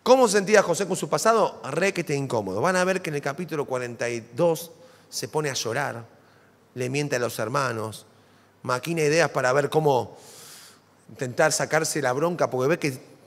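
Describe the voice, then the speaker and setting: A man with an Argentine accent preaching a sermon in a church, dramatic and animated, full of rhetorical questions. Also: fairly high pitch, moderate pace. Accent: Argentine Spanish. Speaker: pastor. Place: church sanctuary. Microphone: stage microphone. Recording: long church hall reverb.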